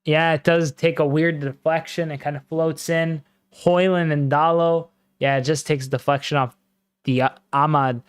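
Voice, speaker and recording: A man with a smooth voice on the high side casually commentates a live football match for his stream at a measured pace, with no echo. He's slangy and excitable, breaking into loud exclamations at big moments.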